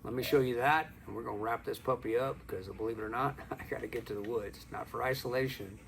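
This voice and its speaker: A middle-aged man talking casually to camera in a calm, unhurried, folksy way, like a plain-spoken motivational teacher. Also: medium pitch, gravelly. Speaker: video host and teacher. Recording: some background noise.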